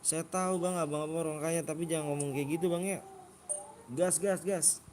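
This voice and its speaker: A man's voice: fairly high pitch, steady tone, quick pace, slight background noise. Slangy young Jakarta-accented man streaming. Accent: Jakarta Indonesian. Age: 20s. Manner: slangy, repeats himself, lectures viewers on manners. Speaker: livestream host running custom game rooms. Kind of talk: casual livestream chat.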